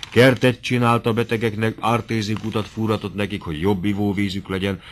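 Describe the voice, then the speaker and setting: A man narrating a classic novel as an audiobook in a measured, steady storytelling manner. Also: fairly low pitch.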